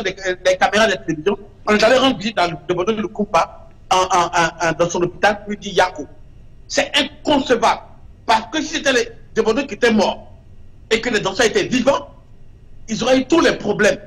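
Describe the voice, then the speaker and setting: A man's voice: very high voice, fairly bright tone. A man, a guest artist in an interview, speaking with emphasis and repeating short verdicts. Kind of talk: impassioned interview talk.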